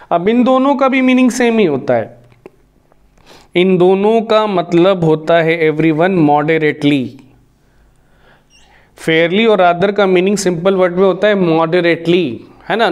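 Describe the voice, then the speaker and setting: A man teaching English grammar in Hindi, explaining step by step and asking the class questions before answering them himself. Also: high voice. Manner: reads English example sentences slowly, word by word. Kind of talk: Hindi-medium grammar lecture.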